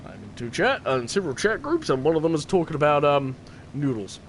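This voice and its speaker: A man's voice: fairly high pitch, very animated, fast talker, a little hiss or hum. A man streaming a game and chatting casually, rambling, repeating himself and laughing often. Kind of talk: casual gameplay commentary.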